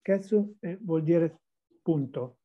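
A woman's voice: fairly low pitch, takes it slowly, dull audio. A woman interpreting a teacher's words into full sentences, with small restarts. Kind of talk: consecutive interpreting into Italian.

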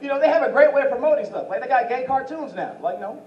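A young man does stand-up at an open mic on a small club stage, holding a handheld mic and slipping into impressions of famous voices. His voice is extremely high, animated and racing, caught as roomy club audio from a far camera with the highs cut off. Crowd noise and audience laughter fill the background.

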